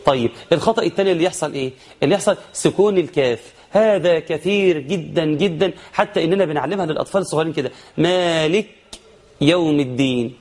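A man with an Egyptian accent teaching Quran recitation rules, explaining quickly and then chanting verses slowly. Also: a little high, darkish tone. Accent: Egyptian Arabic. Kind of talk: tajweed lesson with chanted examples.

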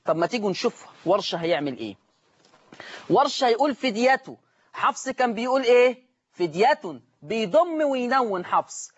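A man with an Egyptian accent teaching Quran recitation on a call-in lesson, repeating each word slowly and stretching out the recited forms. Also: extremely high pitch, expressive, muffled recording. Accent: Egyptian Arabic.

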